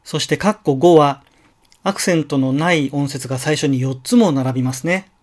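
A man giving a recorded language lesson, explaining word stress slowly and carefully, with pauses and fillers. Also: on the high side, noisy background. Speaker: language teacher. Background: wood block clicks.

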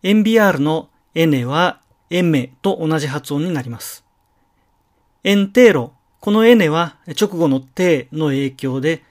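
Man, middle-aged, language lecture, slow and methodical, slightly high voice. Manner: slow, methodical, with careful demonstration pronunciations. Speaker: language teacher.

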